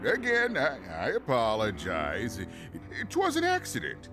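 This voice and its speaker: Seymour, a swooping, clumsy gentle giant. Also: male voice, mid-range voice, wildly swooping pitch, unhurried, music in the background. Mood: apologetic. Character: clumsy, apologetic, gentle giant missing most of his eyes. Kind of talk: video game character acting.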